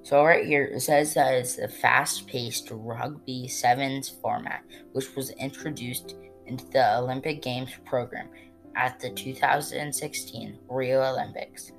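A woman's voice: very deep voice, fairly even intonation, measured pace. A woman chatting casually through a Lego build vlog, rambling and hesitant with lots of fillers. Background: guitar music.

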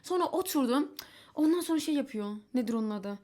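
A young woman telling stories in a casual vlog, candid and chatty, with exasperated asides and quick mimicry of the people she quotes. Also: sits high, animated, a little mellow. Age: young adult. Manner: quotes others in mimicking voices. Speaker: vlogger.

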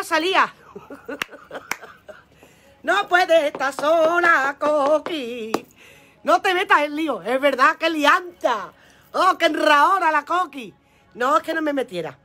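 A woman's voice: high voice, pushed and bright. An older woman, hosting a chatty live stream from her phone at home. She sounds flustered by the app and reads out her viewers' names with pet names. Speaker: online seller doing a live stream.

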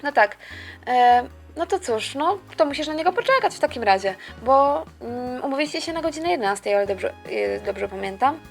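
A woman voicing a kind, patient mother in a toy-figure story, gentle and reassuring. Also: sits high, expressive, brisk, gravelly, soft background music.

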